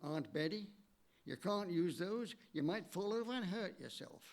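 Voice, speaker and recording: A man's voice: high voice, expressive, normal speed, voice pushed up. An older man voicing a cautious young Canadian nephew with a put-on Canadian accent, during a church eulogy. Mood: warning.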